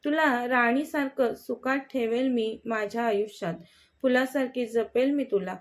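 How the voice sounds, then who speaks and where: A gentle, reassuring young man in love, as a woman narrator reads his lines. He speaks slowly and tenderly, in a fairly high voice. It comes across as quiet storybook dialogue. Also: lightly acted.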